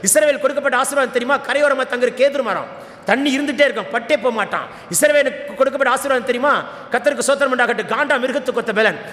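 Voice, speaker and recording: A man's voice: very high-pitched, very fast, a bit bright. A male preacher with a Tamil Nadu accent, exhorting a congregation and calling on them to repeat after him. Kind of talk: Tamil Pentecostal sermon. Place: large church hall. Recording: echoey hall with long reverb.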